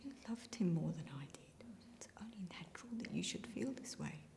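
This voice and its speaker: An actress playing a weary, resigned middle-aged mother in prison, speaking in a hushed, whispery voice. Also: medium pitch, lively intonation, moderate pace, close to an everyday voice. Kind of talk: drama acting. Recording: echoey room.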